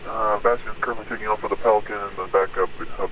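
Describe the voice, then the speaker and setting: Deep-voiced man giving brisk radio calls. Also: steady tone, fairly bright tone, slight background noise, low-quality recording. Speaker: game pilot.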